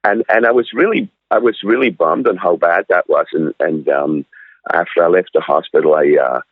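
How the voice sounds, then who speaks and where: An older man in his sixties, born in Switzerland, tells his story in a halting way full of restarts. His voice sits very low. The sound comes through a thin, tinny phone line with no room around it. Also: dry recording. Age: 60s. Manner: halting, many fillers and restarts. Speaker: cafe owner, guest. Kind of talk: casual interview storytelling.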